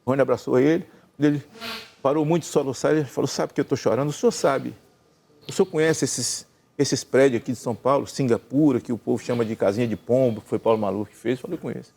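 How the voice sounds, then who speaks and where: Gravelly older man telling a story. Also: mid-range voice, fast. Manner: animated storyteller acting out dialogue. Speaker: gospel singer and senator telling a story. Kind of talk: casual storytelling chat.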